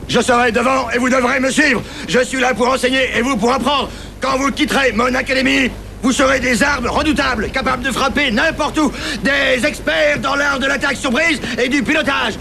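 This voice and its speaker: A harsh drill sergeant in a sci-fi series, barking orders in a high, strained, gravelly voice. He is sarcastic and commanding, over clear background rumble. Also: pushed and bright, exaggerated voice. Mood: stern, commanding. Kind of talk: French-language TV series dub acting.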